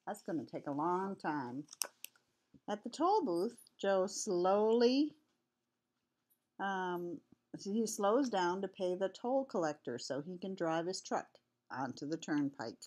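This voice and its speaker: A woman's voice: lowish voice, lively intonation, slow, darkish tone. An older woman, a sweet grandmother with a cold, reading a children's picture book aloud in a homely, chatty way. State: has a cold with cough.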